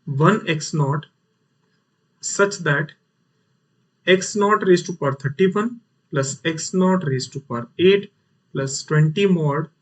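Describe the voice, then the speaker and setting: A man's voice: on the high side, slightly rough. A man with a North Indian accent teaching a mathematics lesson online, explaining step by step and repeating phrases for emphasis. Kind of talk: live online lesson, explaining worked problems. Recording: voice sounds distant from mic.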